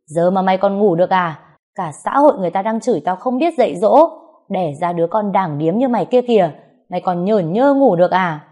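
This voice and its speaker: A woman's voice: mid-range voice, lively intonation, fast, warm tone, lightly acted. A woman voicing an abusive middle-aged mother who screams insults at her daughter in an audio story. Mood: furious shouting. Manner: screaming insults, harsh and scolding.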